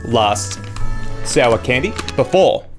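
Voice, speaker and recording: A man's voice: mid-range voice, animated, slow. A young adult man chatting casually and drily as host of a taste test, talking while he eats sour candy. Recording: music behind the voice. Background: background music.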